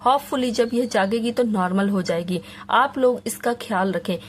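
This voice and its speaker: A woman narrator voicing a calm, matter-of-fact doctor in an audiobook drama. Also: on the high side, moderate pace, a little hiss or hum, lightly acted.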